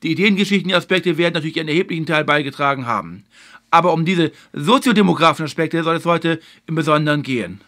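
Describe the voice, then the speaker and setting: A man hosting a video lecture series, explaining history in a measured way and stressing his key points. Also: on the high side, a bit bright. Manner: filler phrase "eben halt".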